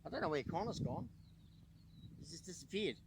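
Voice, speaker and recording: A man's voice: on the high side, lively intonation, normal speed, background noise. Keep it loose, a tired New Zealand man chatting as he works. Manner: chatty, easygoing, thinking aloud as he works. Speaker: boat owner and channel host. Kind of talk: casual DIY boat-repair vlog.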